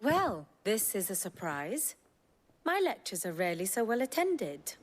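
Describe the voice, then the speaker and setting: A woman's voice: medium pitch, very animated, a little slow. A woman voicing an erudite, dryly teasing scholar who lectures her pupils in a video game. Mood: wry, lecturing. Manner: theatrical, formal, dryly teasing.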